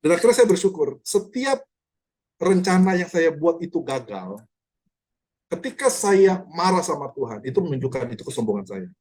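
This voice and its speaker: A man, a pastor, teaching a Bible study online in an animated, conversational way, quizzing listeners by name. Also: a little high, normal speed. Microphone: online video call.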